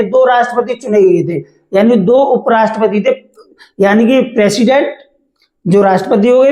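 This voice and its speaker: Teacher in an echoey room, asking and answering himself. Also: male voice, extremely high pitch, a little mellow. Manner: repeats questions to the class and answers them himself. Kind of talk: explaining a textbook chapter.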